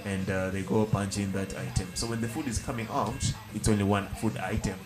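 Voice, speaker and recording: Low-voiced man telling a rambling story. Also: fairly even intonation, a little fast, over music. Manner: rambling storyteller with many restarts. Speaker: podcast co-host. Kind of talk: casual chat.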